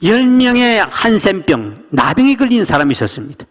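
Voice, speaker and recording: Male pastor, emphatic storytelling sermon, animated pitch, church reverb. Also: brisk. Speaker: senior pastor. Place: church sanctuary. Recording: long reverb of church sanctuary.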